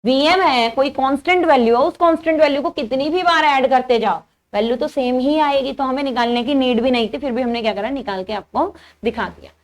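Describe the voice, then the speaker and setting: High-voiced woman lecturing step by step. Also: brisk. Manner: explains step by step, asking and answering her own questions. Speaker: teacher. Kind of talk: engineering lecture.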